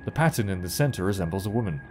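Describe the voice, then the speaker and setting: Low-pitched man with lively game commentary. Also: racing, over loud music. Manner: jokey, sweary, thinking aloud. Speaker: let's play host. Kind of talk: casual horror game commentary.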